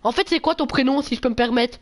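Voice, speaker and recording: A male streamer, chatting casually with viewers during a live game, full of slang and swearing, with sudden loud yelps. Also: very high-pitched, fast. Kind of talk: casual gameplay livestream chat.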